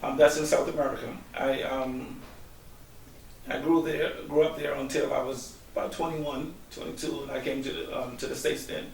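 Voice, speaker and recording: A man's voice: mid-range voice, steady tone, moderate pace, gravelly, darkish tone. A middle-aged man from Guyana, a guest answering interview questions in a hesitant way, with many ums and restarts. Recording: echoey room, distant mic, faint hiss.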